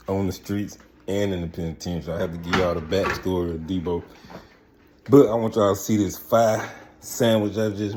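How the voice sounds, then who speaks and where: A man's voice: deep voice, dark tone. A middle-aged man, telling stories casually in rambling, repetitive, slangy talk. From Mississippi, United States. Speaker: vlog host and storyteller. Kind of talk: casual storytelling chat.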